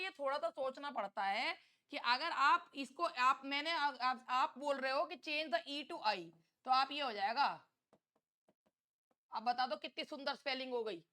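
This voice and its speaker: A young woman teaching an English exam-prep lesson, chatty and teasing, reading questions out slowly. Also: sits high, bright, forceful tone. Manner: chatty, scolding, teasing students.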